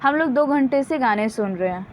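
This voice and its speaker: A woman's voice: high voice, animated, moderate pace, slight background noise, poor audio. A woman with an Indian accent explaining English grammar, patiently reading example sentences aloud and correcting herself. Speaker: English teacher. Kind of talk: Hindi-language grammar lesson.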